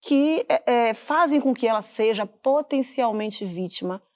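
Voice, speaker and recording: A woman from Salvador, a guest explaining her points in a measured, emphatic way in a TV studio interview. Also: a little high, expressive, a little mellow. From Salvador, Bahia, Brazil. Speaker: interview guest, public prosecutor.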